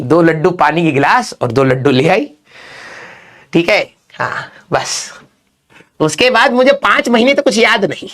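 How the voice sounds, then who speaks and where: Lively male teacher telling a funny story. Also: sits high. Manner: animated storyteller who keeps asking "okay?".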